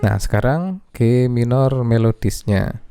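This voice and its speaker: A man's voice: medium pitch, expressive, unhurried, mellow, clear, resonant tone, no room sound, clean studio sound. A man teaching music theory, patiently naming notes one by one and checking in with "ya". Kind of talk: explaining music theory lesson. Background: piano playing.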